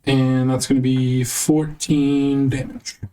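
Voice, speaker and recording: A woman's voice: extremely low pitch, level tone, slow pace, mellow, distant mic, a little hiss or hum, rough recording. A woman running a tabletop game as game master, reading out scenes and refereeing the players.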